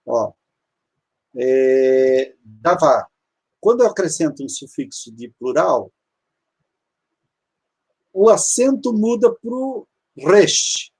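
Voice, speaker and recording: A man's voice: fairly high pitch, a little mellow, slightly rough. A man teaching an online grammar lesson. He explains patiently, repeats key terms and walks step by step through examples on screen. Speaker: Hebrew teacher.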